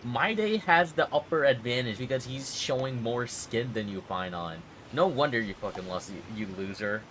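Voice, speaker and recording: A man's voice: medium pitch, expressive, normal speed, background noise. A young man giving casual, joking commentary over a video game, profane and laughing often. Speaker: gaming video creator. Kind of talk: casual gameplay reaction commentary. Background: game music.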